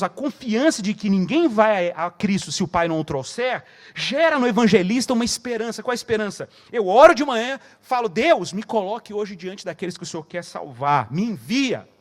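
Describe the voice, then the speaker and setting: A man with a Brazilian Portuguese accent preaching as a pastor at a conference, telling stories and acting out conversations in a quieter voice. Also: sits high. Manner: storytelling, acts out dialogue in a quieter voice. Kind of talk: conference sermon. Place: conference hall.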